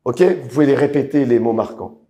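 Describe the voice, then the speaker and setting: A man leading a live speaking training, lively and direct, often repeating words and calling on trainees by name. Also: mid-range voice, fairly quick.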